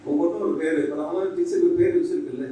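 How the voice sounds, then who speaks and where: A man's voice: sits high, wildly swooping pitch, racing, mellow, a little hiss or hum. A man, a monk giving a humorous lecture to teachers, joking and acting out little dialogues. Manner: jokes and acts out little dialogues, switching between English and Tamil. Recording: echoey hall from far off.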